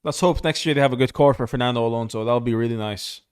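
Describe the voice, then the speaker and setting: A young man streaming live, giving casual, excitable commentary on a motor race and saying "bro" a lot. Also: mid-range voice, quick pace, clear, resonant tone.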